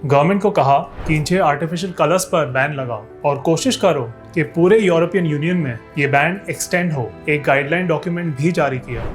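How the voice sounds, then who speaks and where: A man with a fairly high voice narrates a scripted explainer for his viewers. He throws in rhetorical questions and dry, sarcastic asides. Soft music plays quietly underneath. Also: a little fast, hardly any pauses. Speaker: fitness YouTuber.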